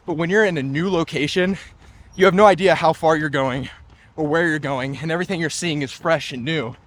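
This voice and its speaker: A running vlogger in his twenties chats upbeat and casually while running on an outdoor trail, sometimes getting out of breath. His slightly high, a bit bright voice moves briskly, full of "like" and "just."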